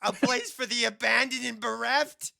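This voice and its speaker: A man's voice: extremely high pitch, moderate pace, creaky, sharp tone, exaggerated voice. A man voicing a cartoony, melodramatic old prospector coot for a video game, with a cracked, drawling, bereft delivery. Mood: mournful, melodramatic.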